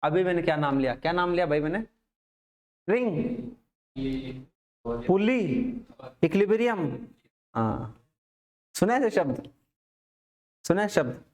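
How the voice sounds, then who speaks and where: Man, physics teacher, raised pitch, casual class lecture, repeats his questions. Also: big pitch swings, measured pace, pauses often.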